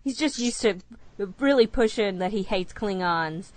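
Woman co-host, expressive pitch, wry comments, dry close sound. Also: unhurried, dry recording. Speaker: podcast co-host. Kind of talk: casual discussion of an episode.

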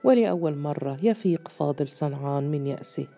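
A man reads a literary tale aloud in a steady, formal narration. His voice is very dark and mellow, and faint music runs beneath the reading. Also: a little high, brisk, gravelly. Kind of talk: scripted audiobook narration.

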